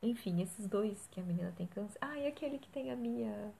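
A woman's voice: mid-range voice, lively intonation, fairly quick, creaky, dark tone, slight background noise. A young woman chatting casually about films she has watched, hesitant and full of fillers. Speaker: co-host reviewing films. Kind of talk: casual chat.

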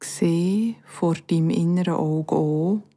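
A woman guides a yoga nidra meditation in a fairly low voice and a Bernese Swiss German accent. She stays calm and soothing, leaving long silences and letting her phrase endings turn gently breathy.

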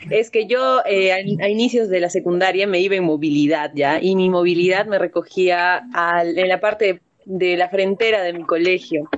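A young woman, casually telling a story to friends and acting out the voices with big jumps in pitch. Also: fairly even intonation, moderate pace. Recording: dull lo-fi recording.

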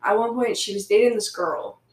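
A woman co-hosting a casual podcast, chatting and gossiping in a relaxed way. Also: mid-range voice, fairly quick, distant mic. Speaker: podcast co-host. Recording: echoey room, a bit off mic.

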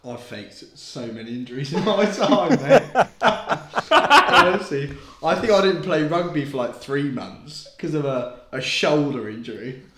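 Give me a young man from England telling animated stories with lots of laughter, recorded in a roomy space. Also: a little high, a little slow. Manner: laughs often, acts out scenes. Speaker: podcast co-host. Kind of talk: casual chat. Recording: roomy echo.

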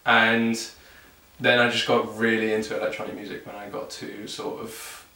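Young male, southern English accent, lowish bright voice, informal musician-interviewee chat, picked up at a distance in a live room. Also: flat delivery, moderate pace, gravelly. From England, South London and Surrey. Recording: echoey room, distant mic.

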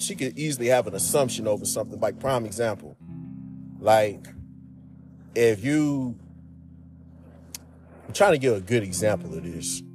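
Speaking with a medium pitch and darkish tone, a man gives sincere, laid-back relationship and marriage advice to viewers. He keeps addressing them as "y'all" and "man" throughout this heartfelt chat.

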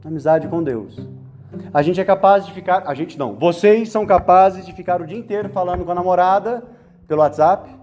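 A man's voice: high voice, a little fast, darkish tone, muffled recording, soft background music. A man with a Brazilian Portuguese accent giving a spoken meditation to young men, conversational and playful, tagging phrases with "né?". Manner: conversational, frequent "né?" tags, playful asides.

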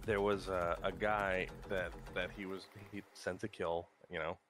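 A man with a very low voice co-hosts a casual podcast. He tells long stories loosely, swearing freely and stopping often for "um" and "uh." Faint music plays underneath. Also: little pitch movement, unhurried, a bit bright. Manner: profane, rambling storytelling with fillers. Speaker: podcast co-host.

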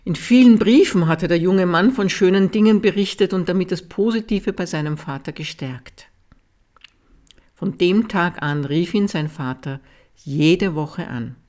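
A calm reader giving a measured audiobook reading of a Buddhist teaching text, softening at key sentences. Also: medium pitch.

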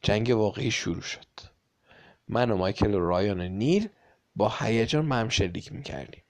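A man reading a children's story aloud with lively, dramatic emphasis. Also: on the low side, creaky.

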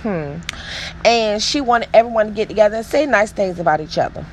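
A woman's voice: mid-range voice, a little fast, darkish tone, slight background noise, rough recording. A woman hosting a casual gossip show, chatty, sassy and emphatic. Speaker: host.

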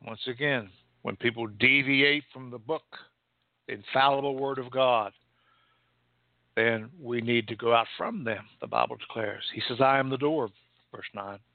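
A male pastor preaching a sermon, rising and falling sharply in pitch and loudness. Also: normal speed, vocal fry, no room sound. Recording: tinny phone-like sound.

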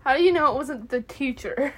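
A teenage girl with a high voice chats casually with her friend. She speaks in a dry, teasing, matter-of-fact way. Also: lively intonation, a little fast. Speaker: podcast co-host. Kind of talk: casual chat.

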